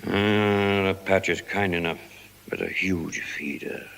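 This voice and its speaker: Slow, low-voiced old Shylock. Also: male voice, creaky, a bit bright, heavily acted. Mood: contemptuous. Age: older. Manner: declamatory, deliberate, grumbling. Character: suspicious, miserly old moneylender and stern father. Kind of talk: classical Shakespearean stage acting. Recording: long reverberant hall studio drama.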